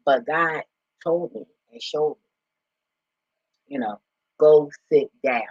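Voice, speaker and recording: Sounding like an online spiritual commentator, a man talks off the cuff in a slow, husky, deep voice, using blunt profanity and street slang in a loose, rambling way. The home recording is lo-fi, roomy, and dull.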